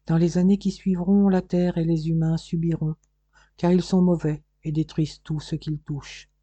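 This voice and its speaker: A man's voice: fairly high pitch, normal speed, no room sound, lightly acted. A man reading a solemn spirit voice. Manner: calm, solemn prophesying. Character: gentle otherworldly voice of a spirit guide.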